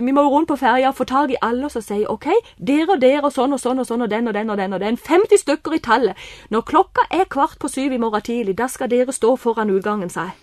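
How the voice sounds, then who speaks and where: A woman telling a lively personal story, excited bursts mixed with quieter asides. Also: high voice, no echo, clean studio sound. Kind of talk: animated personal anecdote.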